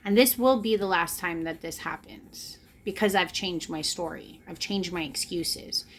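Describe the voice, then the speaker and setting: Seated indoors before a camera, a woman in her late thirties who vlogs about spirituality delivers a personal, reflective monologue. She is earnest and confessional, circling back to certain phrases to stress them, and her lowish voice moves at an unhurried pace.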